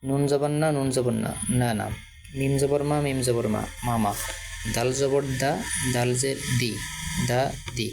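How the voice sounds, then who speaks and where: Slow, patient man teaching letter sounds. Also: mid-range voice, steady tone. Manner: drills letters one by one in repeated patterns; patient, explains pronunciation plainly. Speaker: Quran reading teacher. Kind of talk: step-by-step lesson.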